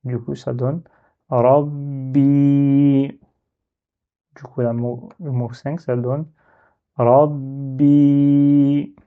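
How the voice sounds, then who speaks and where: A man's voice: mid-range voice, fairly even intonation, normal speed, creaky, hardly any pauses, slightly rough, narrow, tinny audio. A man teaching a reading lesson, patient and step by step, drawing out each syllable as he sounds it. He speaks with a French accent.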